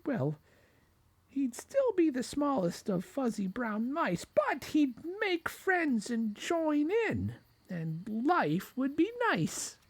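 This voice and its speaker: A man voicing a tiny, meek but plucky mouse in a children's story, with an earnest, squeaky falsetto. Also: wildly swooping pitch, slow, slightly rough, exaggerated voice. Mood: excited, determined. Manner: earnest, peeping.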